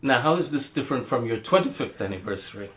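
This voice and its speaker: Chatty and quick-talking, this podcast host has a medium-pitched, slightly rough voice with lively intonation. He laughs along with the couple he's interviewing at their home, captured in tinny, lo-fi audio that resembles a phone.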